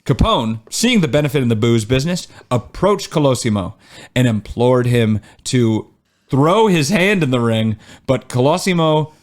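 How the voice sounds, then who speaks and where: A man's voice: medium pitch, sing-song, normal speed. A man co-hosting a history podcast, reading his research and breaking off into joking asides. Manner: chatty, with frequent "uh" and joking asides. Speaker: podcast co-host.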